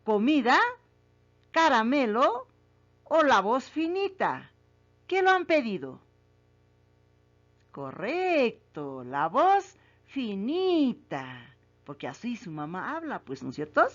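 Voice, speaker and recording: Lady teacher asking kids story questions, slow and sing-songy, kinda high voice, muffled recording. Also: sing-song, fairly bright tone. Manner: asks each question and repeats it, then confirms the answer. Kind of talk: reading comprehension quiz for children.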